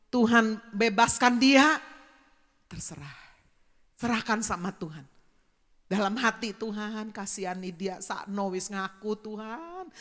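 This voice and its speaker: A woman's voice: mid-range voice, a bit bright. A woman pastor preaching a sermon, telling a story bluntly and acting out the dialogue. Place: church sanctuary. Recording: long reverb of a church hall.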